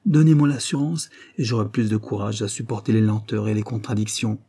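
This audiobook reading has a man playing an eager young lieutenant who pleads smoothly and then erupts into violent fury, with pleading as the mood. He delivers it fairly quickly in a fairly low, mellow, husky voice with fairly even intonation.

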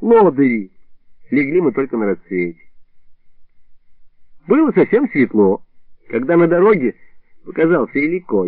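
A man reading a story aloud in a lively, expressive way. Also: medium pitch, dry recording. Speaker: audiobook reader. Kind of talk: expressive audiobook narration. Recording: narrow phone-like band, dry.

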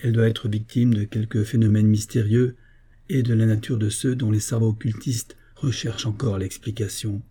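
A man narrating an audiobook in a steady, measured reading voice. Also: lowish voice, breathy edge.

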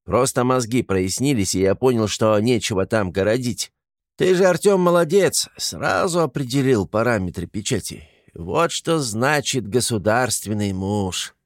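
A man's voice: medium pitch, animated, a little slow, dry recording, clean studio sound, close to an everyday voice. A man voicing a hot-tempered, boastful tiny man in an audiobook, blustering and pompous. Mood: sly. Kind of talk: audiobook character voice.

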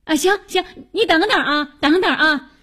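Grandma Meng flustered, Beijing-accented. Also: female voice, very high-pitched, moderate pace, pushed and bright. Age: older. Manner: flustered, stammering, many exclamations. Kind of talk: radio comedy acting.

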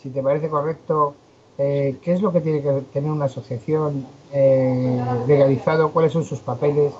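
A man's voice: fairly high pitch, steady tone, normal speed. Give me a blunt, irritated male radio host on a dull lo-fi line. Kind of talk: casual radio chat. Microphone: computer setup with background noise. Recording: dull lo-fi sound.

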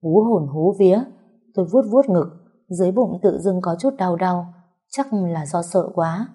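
A woman's voice: on the low side, lively intonation, unhurried, mellow, slightly rough. A woman narrating a dramatic first-person family story, acting out the quarrels in heated bursts.

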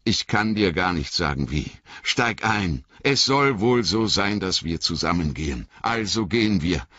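Casting: man voicing Frodo, a young male hobbit, weary, resolute, gently firm, voice lifted a little above the narrator's, dry lo-fi sound. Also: sits low, expressive, a little slow, no room sound, pitched above the performer's own voice, heavily acted. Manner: gentle, firm, fatherly toward companion. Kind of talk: audiobook reading.

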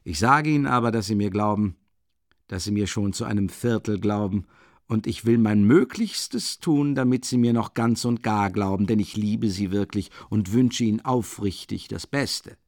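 A man reading an audiobook, voicing an older male investigating judge who speaks softly and insinuatingly with a mocking chuckle. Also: moderate pace, dry recording, clean studio sound, lightly acted. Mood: sly. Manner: low, soft, chuckling, insinuating. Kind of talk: audiobook character voice.

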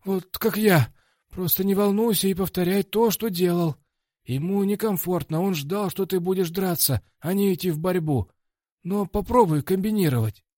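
A man voicing a hurried, agitated fight coach giving advice in an audiobook. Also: high voice, a little mellow, dry recording, studio quality, pitched above the performer's own voice. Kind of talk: audiobook character voice.

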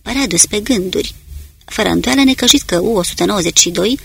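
A narrator reading a war novel aloud in a steady storytelling delivery. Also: medium pitch, creaky, husky. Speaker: audiobook narrator. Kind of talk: dramatic audiobook narration.

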